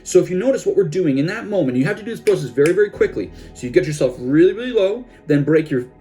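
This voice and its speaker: Energetic young man coaching in a chatty way. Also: on the high side, fast talker, soft background music. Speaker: self-help coach. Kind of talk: casual instructional talk to camera.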